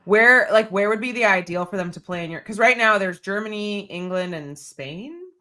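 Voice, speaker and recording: A woman's voice: medium pitch, normal speed, pushed and bright. A woman hosting a casual sports podcast, telling a rambling story with lots of fillers. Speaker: podcast host.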